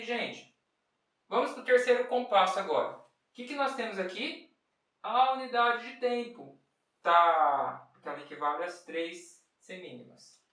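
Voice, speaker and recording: A patient music teacher walks through rhythms one bar at a time, posing questions and then answering them. The voice sits at an ordinary middle pitch and chants short rhythm syllables. It is picked up from a distance in a strongly echoing room. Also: fairly bright tone. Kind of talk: step-by-step music lesson. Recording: very echoey room, mic far off.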